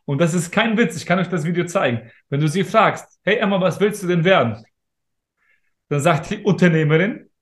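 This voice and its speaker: With a high, fairly bright voice at normal speed, this man in his thirties appears as an interview guest. He talks straight to listeners in a casual, emphatic, motivational manner, and roomy echo colors the audio.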